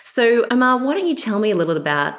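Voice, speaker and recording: A woman's voice: fairly high pitch, very animated. A woman with an Australian accent hosting an interview, eager and enthusiastic. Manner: enthusiastic, quick talking. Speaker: host. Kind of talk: interview conversation.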